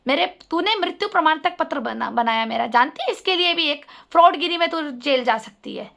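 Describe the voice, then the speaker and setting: A woman's voice: high voice, animated, brisk, creaky, a bit bright. A middle-aged woman giving an emotional, scolding appeal straight to her sister in a personal vlog. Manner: scolding, pleading, preachy. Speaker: vlogger addressing her sister. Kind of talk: emotional direct-to-camera appeal.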